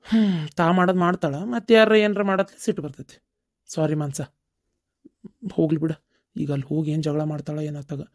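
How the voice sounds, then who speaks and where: Cartoon: actor playing a calm, reasoning grown son; mid pitch, North Karnataka accent. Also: a little fast, pauses often, close to an everyday voice. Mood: reproachful. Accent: North Karnataka Kannada. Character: calm adult son, gently reproachful.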